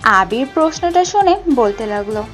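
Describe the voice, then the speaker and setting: A woman's voice: fairly high pitch, lively intonation, normal speed, fairly bright tone. A woman narrator reading a scripted romantic story with music behind her.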